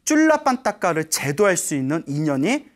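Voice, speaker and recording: A woman voicing the Buddha as a calm, all-knowing master in a storytelling sermon, speaking slowly and quietly. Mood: gentle. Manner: slow, hushed and lower than her own talk.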